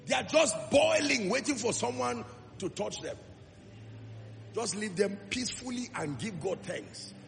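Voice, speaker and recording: A man preaching a sermon, emphatic, building through repeated phrases and dropping to a low earnest tone. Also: expressive, measured pace, creaky. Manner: emphatic, rising repetitions, shifts between loud exhortation and low earnest tone. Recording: long hall reverb with faint music.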